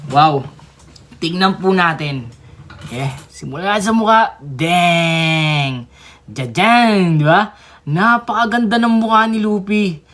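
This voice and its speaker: A young woman talks through a toy unboxing in a casual, chatty way. She keeps breaking into excited exclamations and small giggles. Her voice sits at an ordinary middle pitch for a woman. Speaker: toy reviewer.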